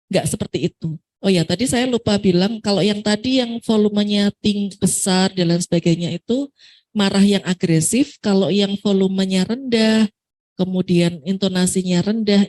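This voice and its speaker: A woman from Surabaya speaking at a parenting seminar, answering an audience question in a lively way that acts out what parents and children say. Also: mid-range voice. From Surabaya, Indonesia.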